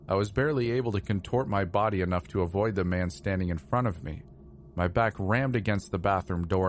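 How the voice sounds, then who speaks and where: A man narrating a first-person horror story in a slow, measured, somber way. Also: sits low, slight background noise.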